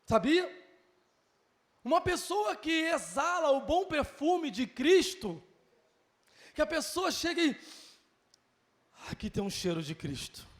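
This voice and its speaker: A man's voice: extremely high pitch, very animated, slow, pauses often. A man with a Brazilian Portuguese accent teaching a Sunday school Bible lesson, earnest, repeating key phrases and calling listeners brother.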